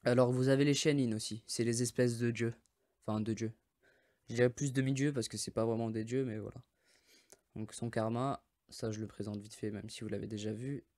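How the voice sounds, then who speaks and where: A man's voice: mid-range voice, steady tone, brisk, darkish tone. A French man casually presenting mobile game characters, rambling with many hesitations and often forgetting names. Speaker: mobile game video host.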